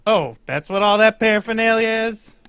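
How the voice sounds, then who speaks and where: A man's voice: sits high, normal speed, a bit bright, clean tone, no room sound. A man playing Vitamin Flintheart, a pompous, theatrical older actor, in a 1940s-style radio drama read. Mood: blustery. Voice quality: florid, exclamatory old-time delivery.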